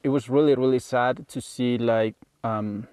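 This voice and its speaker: A man, interviewed on location as a local guide, speaking haltingly and searching for words. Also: mid-range voice, fairly even intonation, a little mellow, smooth, dry recording.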